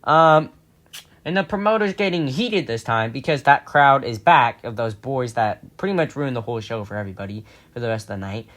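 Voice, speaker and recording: A man's voice: mid-range voice, a bit bright. A young man hosting a casual vlog, rambling and chatty, laughing now and then. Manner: rambling and chatty, often laughing, many fillers. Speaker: vlog host. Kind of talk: casual storytime chat.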